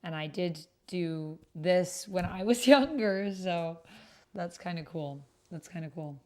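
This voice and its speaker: A woman with a slow, mellow, lowish voice chats casually on a livestream while playing a solo tabletop roleplay game. She muses to herself and thinks aloud as she goes.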